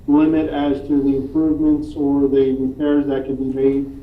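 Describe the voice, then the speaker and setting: A council member calling in remotely, speaking in a halting, apologetic way, with his volume rising and dropping unevenly over the line. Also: medium pitch, completely flat delivery. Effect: uneven volume, level rising and dropping. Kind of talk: questioning at a public meeting. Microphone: remote call audio. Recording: tinny echoey remote call line with faint hiss.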